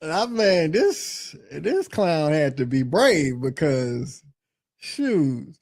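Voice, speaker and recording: A man's voice: a little high, big pitch swings, a little mellow, no room sound. A man co-hosting a podcast, joking and laughing in casual banter. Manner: joking, laughing, drawn-out emphasis. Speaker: podcast co-host.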